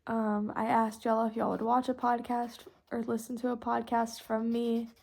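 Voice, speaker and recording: A teenage girl from Texas, United States, rambles through a casual podcast as host, coloring all the while as pencil and marker scratch on paper. Her voice is fairly high, creaky and darkish, with level intonation and normal speed, and her style is youthful and informal.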